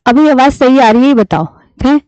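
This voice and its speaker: A woman teaching a live online class, patiently repeating key terms slowly for her students. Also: sits high, lively intonation, warm tone, dry recording. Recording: dull lo-fi stream audio.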